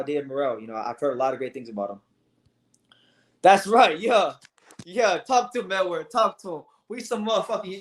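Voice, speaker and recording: A young man from South Florida hosting a casual livestream, talking in an animated way with lots of restarts and swearing. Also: a little high. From South Florida, USA. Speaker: livestream host. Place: home, sitting on a beanbag chair.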